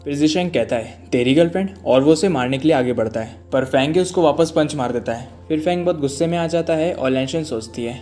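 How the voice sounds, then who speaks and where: Mellow male comic recap narrator. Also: a little high, brisk, few pauses. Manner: steady sequential retelling. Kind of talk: storytelling recap. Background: faint background music.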